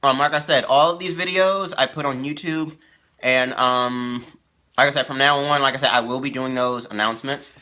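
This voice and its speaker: A man's voice: medium pitch, steady tone, moderate pace, bright, forceful tone. A young man hosting a casual live stream for his gaming channel, rambling with lots of fillers and repeating himself. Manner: eating while talking.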